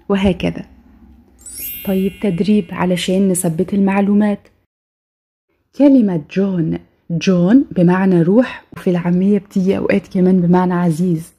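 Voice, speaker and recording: Husky Egyptian woman teaching slowly. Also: mid-range voice, mellow, muffled recording. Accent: Egyptian Arabic. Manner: slow, repeats each word twice for drill. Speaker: language teacher. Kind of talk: recorded online lesson.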